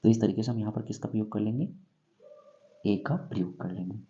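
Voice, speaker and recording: A man teaching English grammar in a classroom-style lesson, going slowly and asking himself questions before he answers them. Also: on the low side, dark tone, dull audio. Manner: slow, repeats and quizzes himself with questions.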